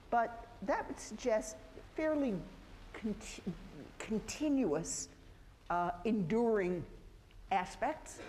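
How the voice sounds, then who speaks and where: A woman's voice: mid-range voice, a little mellow, a little hiss or hum. Woman professor, casual lecture delivery with self-corrections, recorded in a reverberant hall. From United States. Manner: conversational, self-correcting, with frequent restarts. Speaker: sociology professor. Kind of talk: university lecture. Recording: echoey lecture hall with faint ambience.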